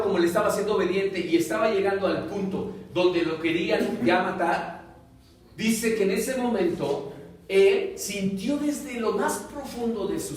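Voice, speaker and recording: A man preaching a sermon and leading a closing prayer, with sudden loud exclamations that give way to quiet, soft prayer. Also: high-pitched. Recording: very echoey room, voice far from the mic.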